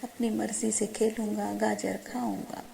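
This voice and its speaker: A woman narrating a children's story slowly and gently, speaking to the children. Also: mid-range voice, little pitch movement, gravelly. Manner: slow, gentle, addressing children.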